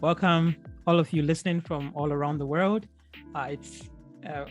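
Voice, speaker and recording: A man hosting a podcast interview, welcoming his guest enthusiastically with frequent fillers and restarts. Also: fairly high pitch. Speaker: podcast host.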